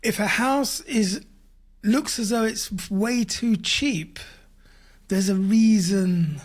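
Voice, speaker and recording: A man's voice: high voice, takes it slowly. A man co-hosting a podcast in casual chat, blunt and sarcastic, swearing freely. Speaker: podcast co-host.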